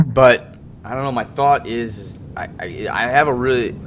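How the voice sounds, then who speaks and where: Casual male show host, noisy rumbling recording. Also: a little slow. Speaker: host of an online panel show. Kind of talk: casual hosting and panel chat. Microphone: online group call. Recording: noisy, low background rumble.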